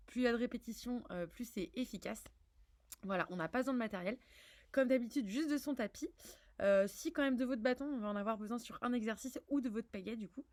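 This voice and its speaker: A woman's voice: a little high, fast, darkish tone. A French woman leading a home workout as a fitness instructor, upbeat and encouraging, counting repetitions aloud.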